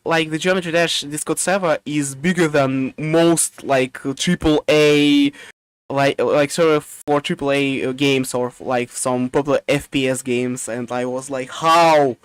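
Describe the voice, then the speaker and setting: Halting man with a smooth voice. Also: a little high, steady tone, no room sound. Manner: halting, many fillers and restarts. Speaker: podcast co-host. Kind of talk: casual chat.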